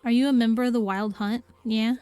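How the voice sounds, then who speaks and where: A woman voicing a dry, monotone young woman from a storybook, adding "yeah" to her lines. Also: on the high side, brisk, clean tone, dry recording, soft background music, natural voice. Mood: deadpan.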